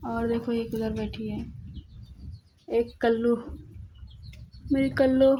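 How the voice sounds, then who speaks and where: A woman's voice: a little high, level tone, takes it slowly, background noise. A young woman chatting casually in a home vlog, repeating herself as she talks about a kitten she found. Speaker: vlogger. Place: at home, near a railway line.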